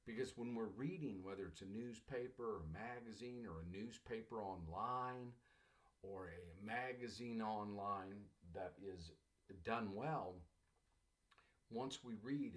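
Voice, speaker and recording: Male professor, slightly low voice, chatty storytelling lecture style that keeps addressing the class. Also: a little slow. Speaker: college English professor.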